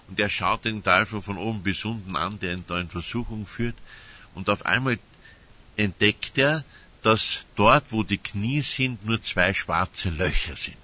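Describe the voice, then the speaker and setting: A man's voice: lowish voice, pushed and bright. An older man, preaching a conversational sermon and often adding tag questions. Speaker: priest. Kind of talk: spoken sermon with anecdotes. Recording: dull, muffled sound.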